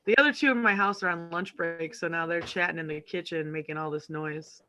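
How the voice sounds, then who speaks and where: Bright, high-voiced joking man. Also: brisk, slight background noise. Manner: playful, laughs often. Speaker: co-host of a live online talk show. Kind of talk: casual joking chat. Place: at home, family in kitchen nearby. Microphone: video call.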